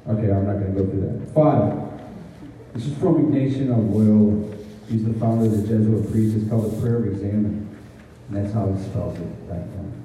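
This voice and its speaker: A man's voice: lowish voice, dark tone, slight background noise. Man preaching, far off in an echoey hall. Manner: conversational preaching, asks the congregation questions. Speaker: pastor. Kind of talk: sermon. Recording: distant, echoey hall, dull sound.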